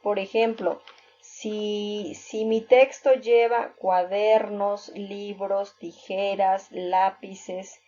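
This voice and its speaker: A woman teacher walks through a lesson at a slow, unhurried pace, explaining patiently step by step with worked examples. The recording is dull and lo-fi. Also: mid-range voice, steady tone, warm tone, faint music behind. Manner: fills pauses with "este". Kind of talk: recorded reading-skills lesson.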